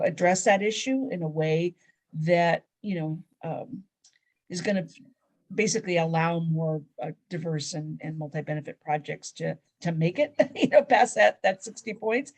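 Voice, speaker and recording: A woman on a panel explaining a funding process in a measured way, with many fillers and restarts. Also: fairly low pitch, a little mellow. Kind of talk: panel discussion on a video call.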